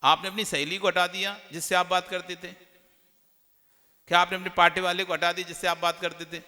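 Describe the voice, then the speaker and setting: A man gives a sermon, putting rhetorical questions to his listeners and swinging from loud emphasis to hushed tones. His voice sits a little high and sounds bright and forceful. A long reverb from a large hall hangs behind every phrase. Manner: questioning the audience directly, rhetorical, lively shifts from loud to hushed. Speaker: Jain monk preacher.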